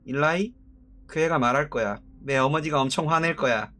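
A man voicing a sinister unseen male tempter who coaxes a child in a low, slow, menacing tone while reading horror game subtitles. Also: a bit bright, lightly acted. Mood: coaxing, sinister.

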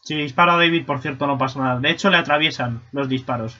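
A young man commenting casually on a video game stream, swearing and breaking into excited shouts. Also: medium pitch, fast talker. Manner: excitable, swearing, bursts into shouts and silly voices. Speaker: gaming streamer. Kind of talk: casual let's-play commentary. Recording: lo-fi stream mic audio.

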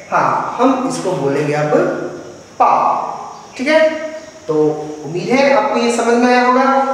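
A high-voiced male teacher talks slowly and patiently through a lesson for young children. He keeps putting questions to the class and answering them himself. His voice comes from a distance and rings in an echoey room with a long reverb. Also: a little hiss or hum. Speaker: primary school teacher.

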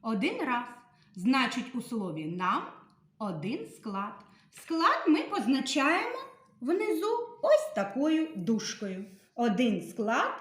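A woman teacher speaks slowly and patiently to young children, stretching out each sound she names. Her fairly high voice rises and falls a lot. The room around her is echoey. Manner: slow, patient dictation with emphasized sounds. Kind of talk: literacy lesson for young children.

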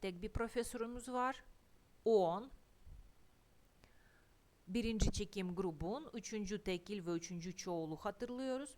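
Slow, careful woman teaching Russian. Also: mid-range voice, darkish tone. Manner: slow, deliberate, pronounces Russian words carefully and repeats them. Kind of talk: slow explanatory language lesson.

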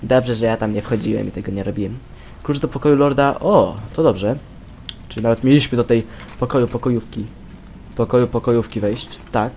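A young man giving casual commentary over a stealth game he is playing, rambling to himself, swearing and sometimes bursting into loud shouts. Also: medium pitch, a little fast, slight background noise. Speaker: let's play gamer.

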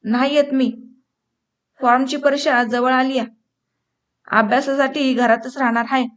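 A woman's voice: high-pitched, steady tone, unhurried. A woman reading the lines of a stubborn teenage village boy who defies his father in a storybook. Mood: defiant. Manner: stubborn, defiant. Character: defiant teenage village boy determined to study.

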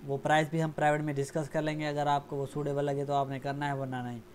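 A man hosting a freelancing channel, giving a casual, unedited announcement straight to his viewers, his voice not fully clear. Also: on the high side, completely flat delivery, quick pace, darkish tone, slight background noise. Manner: plain, informal, direct address to viewers.

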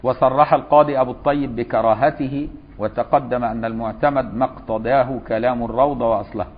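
A man's voice: mid-range voice, fairly even intonation, fast talker. A man with an Egyptian accent teaching a religious law lesson. He reads a text aloud, then explains it in everyday speech, often checking with "got it?". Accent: Egyptian Arabic. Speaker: Islamic scholar teaching a fiqh lesson. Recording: slightly dull lo-fi lesson recording.

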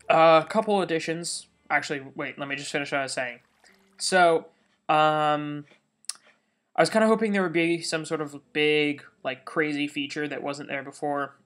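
Excitable rambling young man, game music behind. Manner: excitable, rambling, with sudden high squeals. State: jittery from coffee. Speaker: let's play host. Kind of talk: casual gameplay commentary. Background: video game music.

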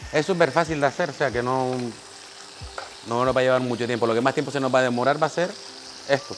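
In a small kitchen, a male chef gives a cooking demonstration, directing the assistant at his side through each step in a practical way. He speaks quickly at medium pitch, with a little hiss or hum on the recording.

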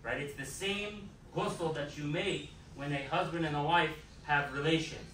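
A male imam delivers a Friday sermon in an emphatic style, hammering home his points by repeating them. His voice sits a bit high for a man. It rings through a large echoing prayer hall, picked up from a distance with faint ambient noise. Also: a little slow, fairly bright tone. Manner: emphatic, repeats key phrases. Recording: echoey hall, mic far off.

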